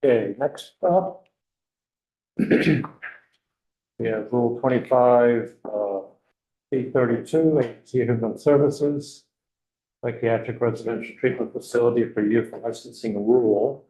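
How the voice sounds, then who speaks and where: Guy chairing a committee, mellow tone, roomy hall sound. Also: mid-range voice. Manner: brisk procedural.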